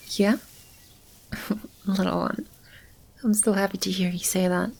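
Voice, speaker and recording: This soft-spoken ASMR roleplay, with stretches of whispering, features a woman as a tender female demon caring for animals and a lost child. She sounds moved and happy, her mid-range voice steady and slow, intimate and reassuring in its soothing way. Birds and animals can be heard clearly around her.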